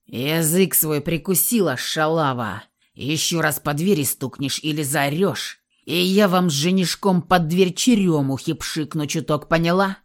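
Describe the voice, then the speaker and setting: A woman's voice: deep voice, a little slow, few pauses. A woman voicing a crude male thug guard who mocks and swears through a door, in an audiobook reading. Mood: mocking crude. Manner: coarse, mocking and swearing.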